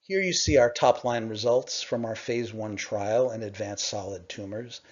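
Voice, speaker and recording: A middle-aged man on a conference call, presenting to investors in a measured, explanatory way with frequent "uh" pauses. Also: on the low side. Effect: conference call line. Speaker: company executive presenting to investors. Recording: dull lo-fi conference call audio.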